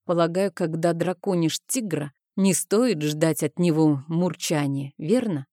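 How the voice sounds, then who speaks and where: A woman reading a first-person novel aloud in an expressive, dramatic way, recorded close to the mic. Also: sits low, unhurried, dry recording. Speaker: audiobook narrator.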